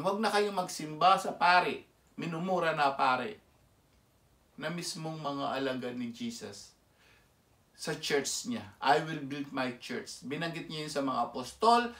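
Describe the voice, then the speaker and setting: A man's voice: high-pitched, fairly bright tone. A man with a Filipino accent preaching a sermon, emphatic and always putting rhetorical questions to his listeners. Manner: emphatic, keeps asking the audience rhetorical questions. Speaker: lay preacher. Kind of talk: Taglish sermon commentary. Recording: echoey room, mic set far off.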